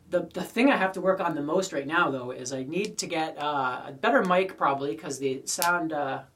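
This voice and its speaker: In a small wooden garden shed, a Canadian-accented man smokes a pipe and rambles casually to his viewers. His voice is a little high and fairly bright, picked up by a distant mic amid poor shed acoustics.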